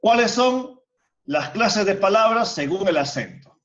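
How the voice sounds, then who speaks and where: Speaking a little slowly in a high, animated, fairly bright voice, a male teacher walks students through grammar in an online class. He throws in rhetorical questions, and the audio comes through a muffled video call.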